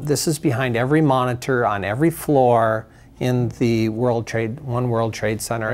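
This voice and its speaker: A man's voice: medium pitch, darkish tone. A man working in metal fabrication, speaking sincerely and with enthusiasm in a local TV interview. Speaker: fabricator at a manufacturing company.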